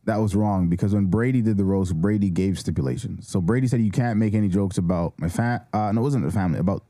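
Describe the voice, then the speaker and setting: A man's voice: lowish voice, fast talker, no room sound, studio quality. A man, a comedian guest on a podcast, telling stories in casual chat and swearing freely. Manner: animated storyteller, swears freely.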